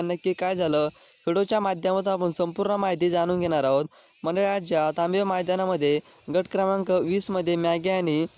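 High-pitched man narrating race news. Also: darkish tone, clear, resonant tone. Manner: repeatedly addresses viewers as friends. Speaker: channel host.

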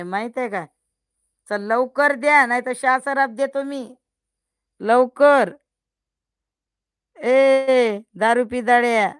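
A woman's voice: fairly high pitch, a bit bright, clear, resonant tone, no echo, clean studio sound. An older woman hosting a casual live stream, teasing and scolding her viewers and often breaking into laughter.

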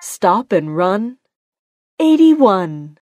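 A woman working as a bingo caller, announcing each call deliberately in short, separate phrases. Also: mid-range voice, sing-song, a little mellow, no room sound. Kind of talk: bingo calling with rhyming nicknames, announced number by number. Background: music.

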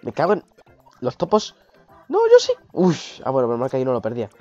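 An excitable man streams live gameplay, his voice hoarse from a cold. His pitch bounces widely as he swears and yelps at the game. The dull, lo-fi audio carries faint game music underneath. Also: racing.

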